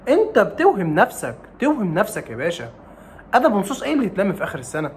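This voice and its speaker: A young man with an Egyptian Arabic accent rattles off study advice at a breakneck pace. His pitch swings widely as he fires rhetorical questions and teases like an older brother, with faint background noise. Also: wildly swooping pitch, rapid-fire. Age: young adult. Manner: teasing, rhetorical, scolding like a big brother. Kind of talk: casual advice vlog.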